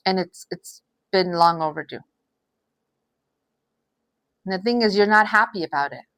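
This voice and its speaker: A woman's voice: fairly low pitch, normal speed, a bit bright, no room sound. A woman doing an unscripted tarot reading. She speaks in a somber, sympathetic way, restarts often, repeats her phrases and sighs. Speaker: tarot reader.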